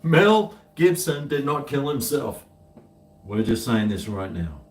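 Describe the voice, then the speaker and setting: Casual male streamer, broad Kiwi accent, unhurried laid-back rambling, recorded off-mic in an echoey room. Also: medium pitch, very animated. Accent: New Zealand. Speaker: streamer chatting to viewers. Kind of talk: casual rambling chat to viewers. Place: indoors, home kitchen. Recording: echoey room, distant mic, faint noise.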